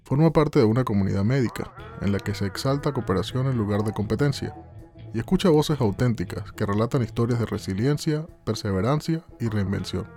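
A man reading a scripted podcast announcement in a smooth, even way. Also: lowish voice, a little fast, soft background music.

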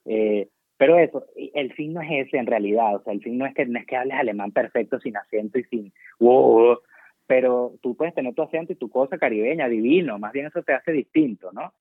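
A man's voice: medium pitch, fairly quick, dry recording. Venezuelan man on a tinny phone line. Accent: Venezuelan Spanish. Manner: chatty, digressive, self-mocking. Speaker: guest doctor working abroad. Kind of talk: casual interview chat.

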